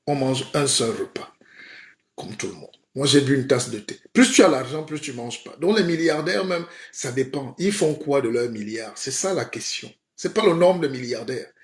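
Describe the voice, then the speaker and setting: Animated and at a moderate pace, a man with a medium-pitched voice hams it up as a comedic spiritual guide in a live-streamed mock sermon. His tone is playful and rhetorical, and he often asks listeners "hein?".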